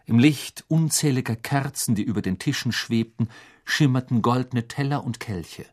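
A man narrating an audiobook in an expressive, dramatic storytelling manner. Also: mid-range voice, slightly rough.

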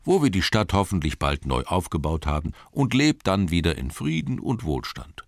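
A man voicing a sly, pompous older town mayor who makes loud, ringing speeches in an audiobook reading. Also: low voice, big pitch swings, moderate pace, creaky, no room sound, studio quality, exaggerated voice. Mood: scornful.

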